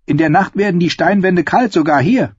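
A man doing a high, eager young novice. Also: normal speed, breathy edge, no echo. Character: pale, soft, eager young male novice. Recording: dull, dry lo-fi recording.

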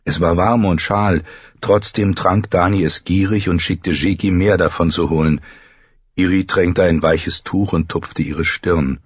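Deep, slow-reading male narrator. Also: fairly even intonation, breathy edge, no room sound, lo-fi sound. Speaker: audiobook narrator. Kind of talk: scripted fantasy narration.

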